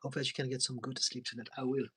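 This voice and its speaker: Speaking quickly in a flat, mid-range, slightly rough voice, a French man reads viewer comments aloud during a casual live stream from his London home. He's a weary therapist from France who is chatty, laughs frequently and drops soft asides.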